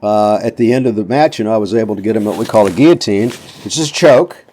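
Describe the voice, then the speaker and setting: A man's voice: lowish voice, quick pace, dark tone, a little hiss or hum. A man in his seventies hosting a casual motivational talk, telling folksy stories and acting out what people said. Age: 70s. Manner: folksy storyteller, acts out quotes. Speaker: podcast host.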